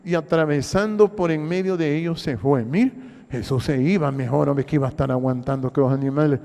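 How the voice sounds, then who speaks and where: An older man with a Honduran accent, a pastor delivering an emphatic sermon full of rhetorical questions and repeated phrases, his voice rising in loud bursts and dropping to low murmurs. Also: brisk. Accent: Honduran Spanish. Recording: long hall reverb.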